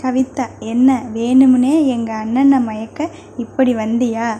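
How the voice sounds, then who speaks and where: A woman's voice: a little high, fairly even intonation, slow, dark tone, slight background noise. A woman reading as a teasing younger sister. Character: playful affectionate younger sister. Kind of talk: audio novel reading.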